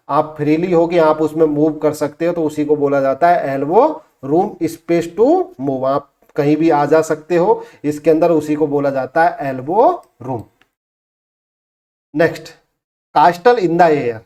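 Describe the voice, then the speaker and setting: A male teacher giving an exam-prep lesson who asks questions and answers them himself, slowing down to spell out English phrases. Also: a little high, darkish tone. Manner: asks the class and answers himself, repeats key terms.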